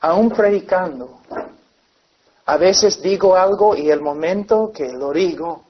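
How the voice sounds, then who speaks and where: A man preaches earnestly, with his voice sitting a little high. He drives his points home by acting out scenes. The sound is dull and lo-fi. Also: takes it slowly. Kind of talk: sermon. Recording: dull lo-fi recording.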